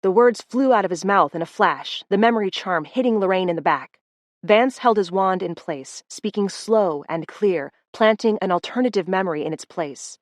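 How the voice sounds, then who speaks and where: A woman narrating a first-person audiobook in a steady, expressive storytelling voice. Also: mid-range voice, moderate pace, no room sound, clean studio sound.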